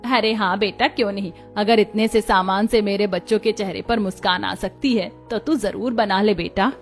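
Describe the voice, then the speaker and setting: A woman voicing a gentle, comforting elderly grandmother in a cartoon story, speaking softly and reassuringly. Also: mid-range voice, steady tone, moderate pace, soft background music, lightly acted. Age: older. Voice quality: soft, reassuring.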